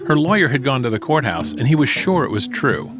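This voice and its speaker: A man's voice: medium pitch, very animated, brisk. Man narrating a documentary over music. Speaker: podcast host, narrator.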